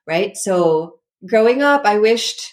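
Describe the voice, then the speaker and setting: A woman from the Philippines with a deep, sultry voice, a former voice-over artist, chatting and reflecting in a casual conversation. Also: expressive, slow. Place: at home in Zurich.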